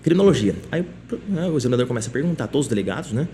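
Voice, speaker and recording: Fast-talking man telling a story. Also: medium pitch, slight background noise. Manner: lively anecdotal telling, frequent tag questions. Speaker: police chief, podcast guest. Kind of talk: casual interview storytelling.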